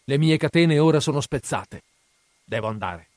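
A man's voice: a little high, expressive, normal speed, dry recording, pitched above the performer's own voice, lightly acted. A man doing a frenzied gleeful priest. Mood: exalted. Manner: hysterical, exalted, loud. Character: frenzied elderly male Egyptian priest, gleeful. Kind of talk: dramatic audiobook reading.

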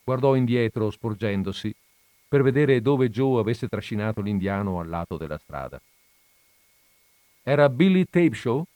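A man's voice: on the low side, normal speed, mellow, no room sound. A man reading a short story aloud, with chatty asides before he starts the reading. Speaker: reader of short stories. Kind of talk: reading literary fiction aloud.

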